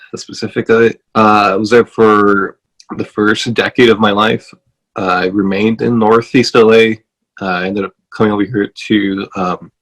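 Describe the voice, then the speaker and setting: A man's voice: fairly low pitch, low-quality recording. A man from Los Angeles, a guest on a podcast, talking casually over a video call and rambling with many fillers and restarts. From Los Angeles, USA.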